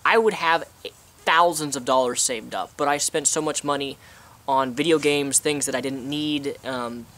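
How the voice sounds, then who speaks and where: A man's voice: on the high side, a bit bright. A young man giving his opinions in a casual vlog, chatty and talking with food in his mouth, recorded outdoors. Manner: chatty, eating while talking. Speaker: vlogger. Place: outdoors on a sunny day.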